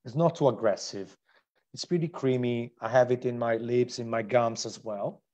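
A man's voice: medium pitch, moderate pace, darkish tone, muffled recording. A man with an Italian accent hosting a live online wine tasting, describing wines with enthusiasm and frequent restarts. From Italy.

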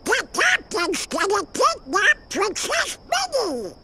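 An actor voicing a hot-tempered, skittish cartoon duck in a garbled quacking voice. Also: male voice, very high voice, wildly swooping pitch, slow, heavily acted. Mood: squawky.

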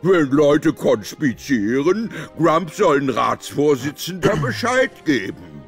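A man's voice: a little high, very animated, faint music behind, exaggerated voice. A man voicing a dim, suspicious ogre in a video game, speaking bluntly and simply in broken sentences. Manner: slow, blunt, simple-minded, third-person speech.

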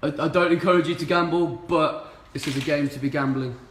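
A man's voice: a little high, fairly even intonation, a little fast. A young man in playful, giggly banter while streaming a pool game at home. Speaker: band member on livestream. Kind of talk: casual chat. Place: flat with pool table, indoors. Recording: echoey room with faint noise.

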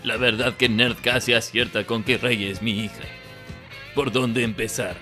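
A man's voice: medium pitch, fairly even intonation, normal speed, sharp tone, close to an everyday voice. A man with a Latin American Spanish accent voicing a grumpy, sardonic old evil emperor in a comic parody review. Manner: sardonic, exasperated, swearing. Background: background music.

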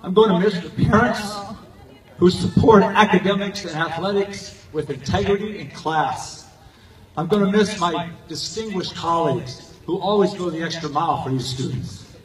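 At an outdoor football stadium graduation, an older high school coach and teacher delivers his prepared speech through a podium microphone and the PA. His somewhat high voice comes in short, measured, earnest phrases. Heard from the stands on a distant handheld camera, the PA sound is echoey and remote.

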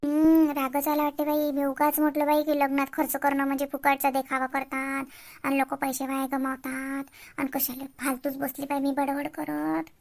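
Woman voicing a shrill bossy elder sister. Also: completely flat delivery, normal speed, gravelly, a little mellow. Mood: fretting. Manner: scolding, fretful muttering. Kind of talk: village cartoon comedy.

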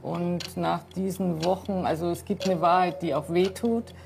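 Female panel guest, low and gravelly, halting and reflective. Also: fairly even intonation, a little mellow, slight background noise. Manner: thoughtful, hesitant, many fillers. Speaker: talk show guest. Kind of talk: studio discussion. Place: TV studio.

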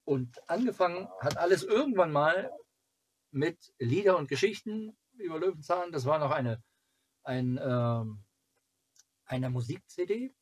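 The recording is low quality with slight background noise, carrying a fairly high, expressive, unhurried voice. It belongs to a man in his forties who hosts a children's TV fan club channel, rambling casually to viewers from a small cluttered room at home on a camera or webcam at arm's length.

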